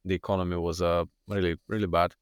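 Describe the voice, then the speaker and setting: A Bulgarian man telling his own story as a podcast guest, earnest and halting with many restarts. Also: deep voice, flat delivery, clear, resonant tone, no room sound, studio quality. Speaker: guest, fitness coach. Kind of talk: podcast interview.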